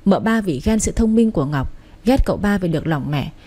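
Mellow-voiced woman storyteller. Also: fairly low pitch, expressive, a little fast, slightly rough. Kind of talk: scripted story narration.

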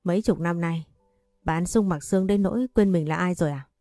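A woman voicing a calm, shrewd and caring old nanny in a spoken story. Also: lowish voice, a little fast, no room sound, studio quality, faint music behind, natural voice. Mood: calm cutting. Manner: calm and cutting.

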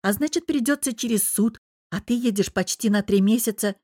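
A woman voicing a lively young female friend who talks briskly and bluntly, full of questions. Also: on the high side, slightly rough, dry recording, clean studio sound. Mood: curious.

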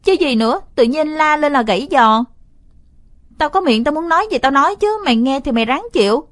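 A woman's voice: medium pitch, steady tone, fairly quick, natural voice. A woman doing a cocky, bossy young boy. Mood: bossy loud. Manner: loud, bossy.

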